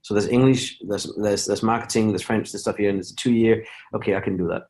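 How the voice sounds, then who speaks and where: A man's voice: on the low side, fairly even intonation, darkish tone. A middle-aged man from Denmark, a company founder speaking as an interview guest, talking casually with frequent restarts and fillers. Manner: halting, many restarts and fillers.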